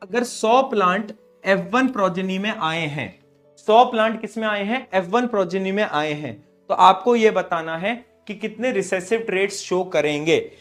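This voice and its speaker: A young man teaching a live online class while unwell with a sore throat, scolding students loudly and then dropping to a soft, low voice. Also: moderate pace, faint music behind. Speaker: online tutor.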